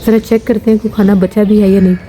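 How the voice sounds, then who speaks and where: A woman's voice: medium pitch, little pitch movement, quick pace, dark tone, faint music behind. A woman family vlogger from Pakistan giving amused, chatty live commentary while filming birds outdoors.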